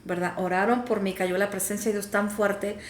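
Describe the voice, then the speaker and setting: Speaking at a moderate pace with a steady, mid-range voice, this woman co-hosts a podcast and sincerely recounts her personal testimony, pausing frequently with fillers. The recording has an echoey room, faint ambience, and a bit of hiss or hum.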